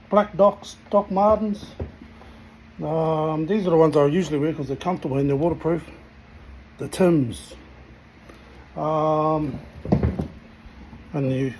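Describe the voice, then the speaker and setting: A man's voice: a little high, darkish tone, a little hiss or hum, rough recording. A man giving a casual, blunt rant to camera in sweary slang. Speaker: motorcycle vlogger.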